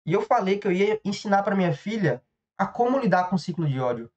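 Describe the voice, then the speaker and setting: A man's voice: sits high, sing-song, fast, a little mellow. A Brazilian man hosts a podcast alone in a rambling comedic monologue. He swears freely, strays off on tangents and stops himself in the middle of sentences. The sound is a little dull and lo-fi. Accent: Brazilian Portuguese. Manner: profane, rambling, self-interrupting. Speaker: podcast host.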